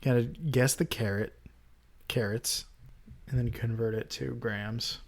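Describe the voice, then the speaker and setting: A man's voice: medium pitch, steady tone, measured pace. Man, podcast host, medium voice, reads trivia questions and hints, teasing. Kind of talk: casual podcast quiz chat.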